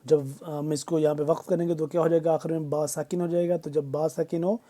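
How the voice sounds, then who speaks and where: A man teaching Quran recitation with tajweed, explaining each pronunciation rule in quick, instructive steps. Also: fairly high pitch, flat delivery, mellow. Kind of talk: step-by-step tajweed lesson.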